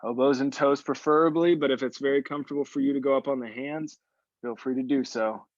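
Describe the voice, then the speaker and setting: A man's voice: mid-range voice, steady tone, brisk, no room sound, lo-fi sound. Encouraging male workout coach, breathing with effort. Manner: encouraging, repeats short praise to the group. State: exertion, audible sighing breaths. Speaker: fitness instructor. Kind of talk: live workout class coaching, counting down and cueing moves.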